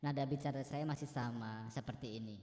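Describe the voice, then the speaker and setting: A man's voice: fairly even intonation, brisk, warm tone, roomy sound, big-room sound. A man's voice shifted into a female preset. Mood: testing. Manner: chatty, unsure how it sounds. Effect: pitch-shifted female voice preset.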